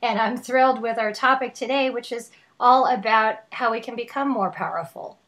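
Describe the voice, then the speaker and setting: A woman's voice: a little high, normal speed, fairly bright tone. A woman hosting an interview, enthusiastic and full of praise for her guest. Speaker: show host.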